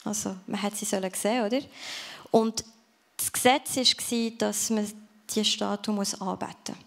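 A woman's voice: medium pitch, steady tone, moderate pace, vocal fry, a bit bright. A woman giving an earnest sermon in a church service, speaking directly to the listener and ending in prayer. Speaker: preacher.

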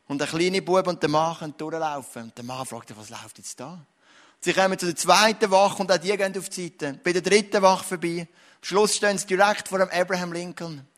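A man's voice: high voice, fairly bright tone. A male pastor with a Swiss German accent, preaching a sermon in an earnest style that rises to emphatic declarations.

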